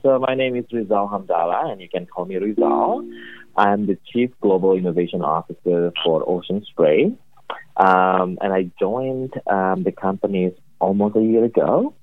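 An Indonesian company executive with an Indonesian accent answers interview questions earnestly and upbeat, using many fillers. His voice sits low and he keeps a moderate pace. The recording is dry, with tinny phone-line audio.

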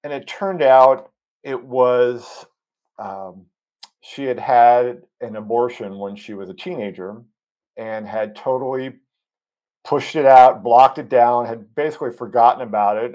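A man at a medium pitch, speaking as an interview guest. He tells a story earnestly, stopping and restarting often with plenty of ums. He sounds moved by what he is recounting. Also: darkish tone. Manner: emotionally moved while recounting.

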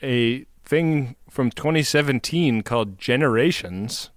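A podcast co-host recaps a TV episode in casual, joking chat, laughing often and retelling scenes with playful voices. His voice is mid-range at a measured pace, with clean studio sound and no room sound.

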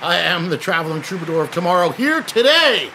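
A man's voice: high-pitched, very animated, a little fast. A man hosting a radio show, opening with exuberant, hammy jive-talking hipster patter.

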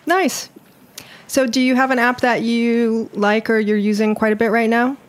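A woman's voice: on the high side, flat delivery, moderate pace. A woman hosting a live radio interview show, addressing listeners and guests from a small studio. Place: small broadcast studio in a shipping container.

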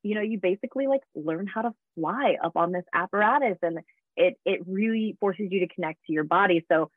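A woman's voice: medium pitch, a little fast, no room sound. A woman in her thirties, a guest telling her story in a casual interview, chatty with frequent laughs and fillers. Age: 30s. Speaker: guest, fitness business founder. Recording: tinny phone-like line.

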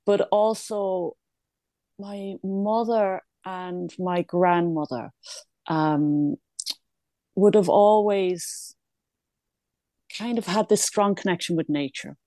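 With a fairly low, warm voice, a woman originally from England who now lives in Ireland responds slowly to an interviewer, leaving long pauses. As a guest she is reflective and unsure, restarting frequently and laughing a little, with no room sound in the audio.

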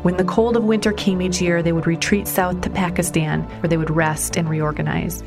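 A woman reporter narrating a documentary story in a measured storytelling way, sometimes stressing questions. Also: fairly low pitch, steady tone, vocal fry. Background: music underneath.

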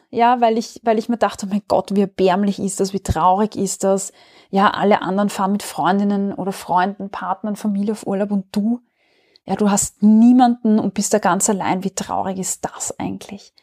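A woman's voice: medium pitch, warm tone. Woman, personal storytelling, candid, emotional, self-interrupting. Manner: candid, emotional, quick restarts.

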